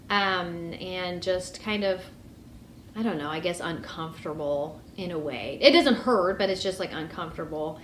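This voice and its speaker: A woman's voice: mid-range voice, a bit bright, roomy sound, a little hiss or hum. A young woman giving a casual vlog update, chatty with lots of ums and likes. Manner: chatty, frequent ums and likes, light laughs. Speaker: vlogger.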